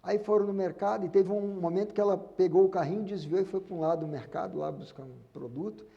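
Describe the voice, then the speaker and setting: A man's voice: high voice, fast talker, gravelly, muffled recording. A Brazilian man preaching a sermon as pastor, telling a story and urging his congregation on. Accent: Brazilian Portuguese. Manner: earnest storytelling, exhorting the congregation. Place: church hall. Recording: long hall reverb.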